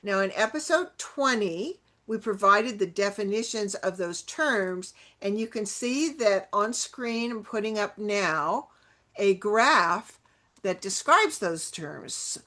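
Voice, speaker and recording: Woman, podcast host, unhurried, measured, mid-pitched voice. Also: animated, bright, forceful tone. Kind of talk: slow spiritual talk show hosting, reading a quote aloud.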